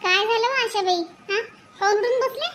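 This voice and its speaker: A woman's voice: very high voice, moderate pace, fairly bright tone, a little hiss or hum. A woman playing a grumbling village sister-in-law who complains and exclaims a lot in a comedy skit. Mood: complaining. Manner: whiny, complaining, exclaims often. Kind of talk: comedy sketch acting.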